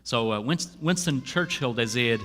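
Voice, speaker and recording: A man with a Plautdietsch accent preaching a sermon, halting and mixing in English words. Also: medium pitch, expressive, fairly bright tone, a little hiss or hum. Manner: halting, restarts often, mixes English words in.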